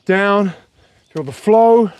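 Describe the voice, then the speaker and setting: A man's voice: high voice, expressive, slow, clear, resonant tone, no room sound. A man leading a trampoline workout outdoors, counting reps and calling out moves in an upbeat coaching manner while bouncing along. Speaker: fitness instructor. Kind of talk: workout instruction. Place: outdoors at a sunny retreat.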